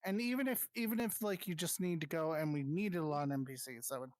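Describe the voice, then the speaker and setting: Game master type, mid-pitched voice, close and dry sound, quick instructions with lots of restarts. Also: a little mellow, dry recording. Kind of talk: casual voice chat running an online roleplay.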